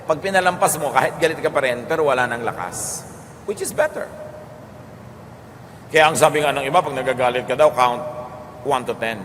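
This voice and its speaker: Filipino guy preaching calm and slow, long hall echo, bit of background noise. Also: mid-range voice. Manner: calm teaching, switching between Tagalog and English. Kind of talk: sermon.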